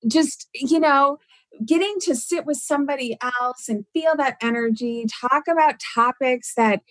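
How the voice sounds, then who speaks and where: A woman's voice: high voice, measured pace, no room sound, rough recording. A woman guest on a podcast, chatty and self-mocking in casual conversation.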